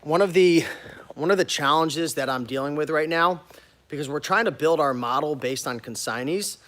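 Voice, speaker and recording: A man's voice: a little high, moderate pace, a bit bright. An American man talking informally and directly to viewers in a casual walk-through vlog, as a business owner showing his workplace. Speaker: online reseller and business owner hosting a warehouse tour.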